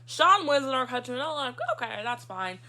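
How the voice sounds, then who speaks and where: A woman co-hosting a casual chat, recapping a cartoon with animated, drawn-out emphasis and frequent laughter. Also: high-pitched. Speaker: co-host.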